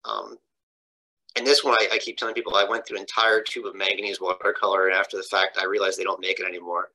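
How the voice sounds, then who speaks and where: Lower-voiced man with a bright, rambling delivery. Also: little pitch movement, quick pace, low-quality recording. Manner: loose, rambling, trailing off. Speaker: artist. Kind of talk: casual gallery talk.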